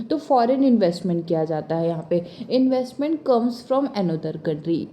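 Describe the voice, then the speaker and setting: A woman teaching commerce in a bilingual exam-prep lecture, reading English lines slowly and then explaining quickly, often stopping to check that her students follow. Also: mid-range voice, warm tone, a little hiss or hum. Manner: repeats points with frequent check-ins.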